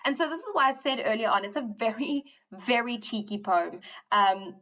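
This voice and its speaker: A woman teacher talks through a poem line by line, animated as she explains. Her voice sits a little high. The recording sounds somewhat dull and muffled. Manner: animated explaining, reads quoted lines slowly. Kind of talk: poetry lesson, explaining aloud.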